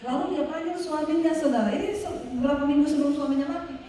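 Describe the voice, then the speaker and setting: A woman pastor preaching an animated sermon, telling stories and calling out to the congregation. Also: sits high, fast talker, a little hiss or hum. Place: large revival hall. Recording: echoey hall, mic at a distance.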